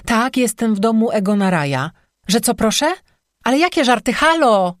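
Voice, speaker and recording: A man voicing a frightened, quick-tempered young woman in an audiobook, speaking breathlessly and indignantly. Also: medium pitch, darkish tone, no echo, studio quality, pitched above the performer's own voice, natural voice. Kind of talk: audiobook character voice.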